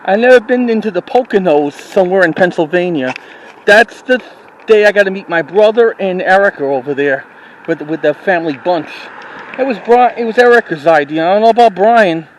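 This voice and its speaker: Casting: man with a high voice, rambling walking-tour vlogger, faint traffic behind. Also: lively intonation, poor audio. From New York City. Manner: rambling, halting, with frequent restarts. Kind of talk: casual walking-tour narration. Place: outdoors on a town street. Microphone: handheld camera while walking.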